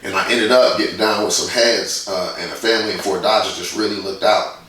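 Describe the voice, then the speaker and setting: A man's voice: lowish voice, steady tone, brisk, bright, forceful tone, heavy reverb, distant mic, a little hiss or hum, rough recording. A man in his forties from Indiana, a guest in a casual interview, who tells stories bluntly and swears freely. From Indiana, USA. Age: 40s. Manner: blunt, profane, storytelling. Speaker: guest, graffiti artist.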